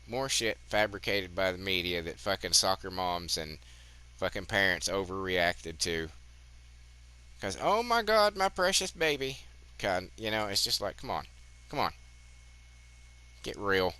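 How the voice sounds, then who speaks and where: A man's voice: sits low, fairly even intonation, measured pace, pauses often, pushed and bright, clear, resonant tone. A man in his fifties hosting his gaming channel, rambling profanely in casual commentary, his voice a bit muffled by a cigarette. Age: 50s. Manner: rambling, profane, chatty asides.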